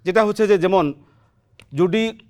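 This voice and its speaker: In a television studio, a patient, encouraging Quran teacher gives children a pronunciation lesson in a steady, mid-pitched voice. The teacher keeps quizzing the students and often checks in with a quick "right?".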